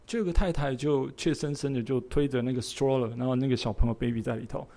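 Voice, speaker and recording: A man preaching a sermon as a pastor, telling a personal story in an earnest, expressive way. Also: medium pitch, fast, creaky.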